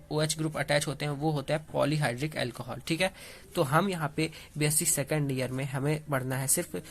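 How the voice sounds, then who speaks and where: A man's voice: a little high, gravelly. A young man explaining a chemistry topic to students in a casual classroom manner, often checking in with them as he goes. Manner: talks students through steps, often checking with "ठीक है". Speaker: chemistry tutor.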